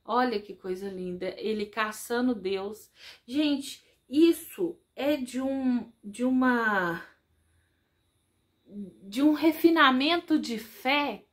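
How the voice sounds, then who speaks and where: High-voiced, animated Brazilian woman catechist. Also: slow pace. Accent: Brazilian Portuguese. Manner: animated, conversational, addresses listeners as "gente". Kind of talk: religious reflection talk.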